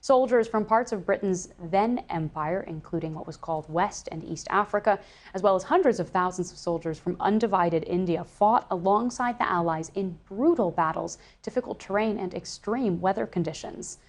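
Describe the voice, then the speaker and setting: A woman's voice: medium pitch, normal speed. A woman presenter reading a scripted introduction to a news feature.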